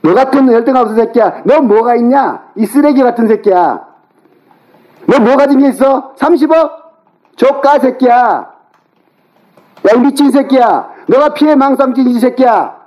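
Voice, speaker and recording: A man with a very high, strained-sounding voice tears into someone during a phone argument. He shouts, berates and throws insults without letting up, his tone harsh and relentless. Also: normal speed, poor audio.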